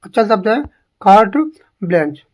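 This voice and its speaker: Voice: medium pitch, moderate pace, a little mellow. Exam-prep English teacher; repeats every term and poses rhetorical questions. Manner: drills each word by repeating it, asks rhetorical questions.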